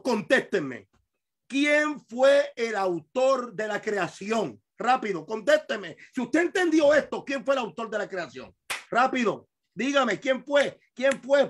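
A man preaching and teaching a Bible study to his congregation in Spanish. He repeats key words, quizzes his listeners and swings between hushed asides and shouted emphasis. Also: very high voice, animated, a little slow. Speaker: pastor. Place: church hall.

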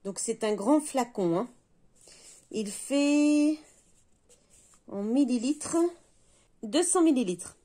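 A woman's voice: fairly high pitch, animated, takes it slowly, pauses often, dark tone. A woman reviewing a beauty box, talking hesitantly and reading product labels aloud.

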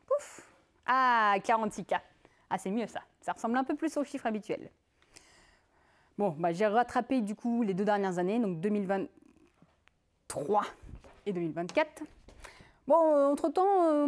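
A woman giving a technical conference talk, in a lively conversational way with many fillers and asides. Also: on the high side. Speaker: conference speaker.

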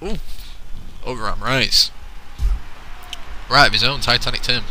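Excitable man calling wrestling, sharp bright tone. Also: mid-range voice, measured pace, slight background noise, low-quality recording. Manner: excitable, punning, goofy exclamations. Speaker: wrestling commentator. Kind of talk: playful play-by-play commentary.

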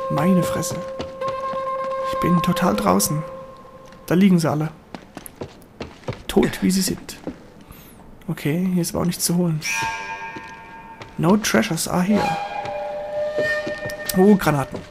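Gravelly man swearing through gameplay. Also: high-pitched, normal speed, pauses often. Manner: excitable, swears at enemies. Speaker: let's player. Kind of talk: gameplay commentary. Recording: voice over game music and gunfire.

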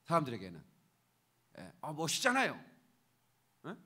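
Male pastor, bright and slightly high voice, conversational sermon with emphatic surges. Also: wildly swooping pitch, moderate pace. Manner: conversational preaching, repeated asking for agreement, bursts of raised emphasis. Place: church sanctuary.

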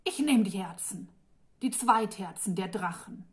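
A woman's voice: mid-range voice, lively intonation, unhurried, natural voice. A woman reading the part of an arrogant male devil with three tongues, smug and patronizing.

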